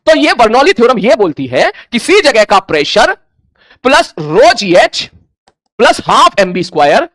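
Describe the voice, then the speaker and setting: Unhurried yet swinging widely in pitch, a man with a very high, slightly bright voice gives a physics class, slipping English terms into his Hindi. He dramatizes the questions his students might ask, on a dry, studio-quality recording.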